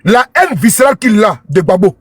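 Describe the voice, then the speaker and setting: Male vlogger, high voice, dry close sound, scornful and repetitive running commentary to camera. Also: very animated, a little fast, husky, no echo. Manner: repetitive, scornful, keeps asking "you see?". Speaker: online commentator. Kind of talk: talking to camera while scrolling a social media page.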